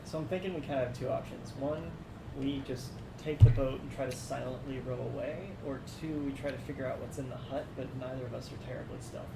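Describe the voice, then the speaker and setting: A man's voice: mid-range voice, steady tone, fast talker, creaky. A man playing a tabletop game, talking through his options aloud in an easygoing way. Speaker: player. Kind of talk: casual tabletop game chat. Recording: echoey room, distant from mic, noisy.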